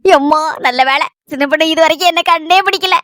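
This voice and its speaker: A woman's voice: high voice, fast, bright, forceful tone, dry recording, studio quality. A woman with a Kanyakumari Tamil accent performing a comic village skit. She chatters on, blurting things out with a playful stammer.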